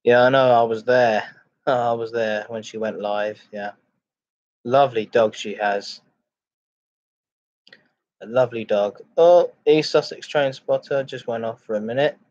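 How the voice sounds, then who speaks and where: A slow-talking man hosts a chat and ASMR livestream, greeting viewers and reading their comments. His mid-range voice is steady and darkish, and he speaks haltingly, repeating phrases. The lo-fi microphone makes everything sound dull.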